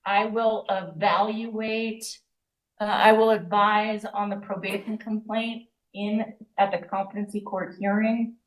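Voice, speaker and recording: A woman judge running a hearing in a courtroom. Her voice sits at a middle pitch, and she talks in a firm, stern way. She repeats her orders until they are followed. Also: steady tone, a little slow, poor audio.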